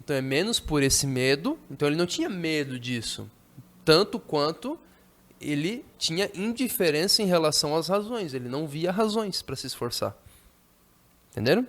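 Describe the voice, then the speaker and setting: A man's voice: a little high, animated, normal speed. A Brazilian man teaching a church literature class, who reads a passage aloud and then explains it line by line, often asking the class if they follow. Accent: Brazilian Portuguese. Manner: explains line by line, keeps checking the class understands; reads passages aloud, then paraphrases them in casual speech.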